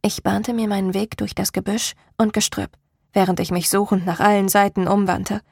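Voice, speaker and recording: Gravelly woman narrating a story. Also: mid-range voice, little pitch movement, normal speed, a little mellow, dry recording, studio quality. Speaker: audiobook narrator. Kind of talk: first-person scripted narration.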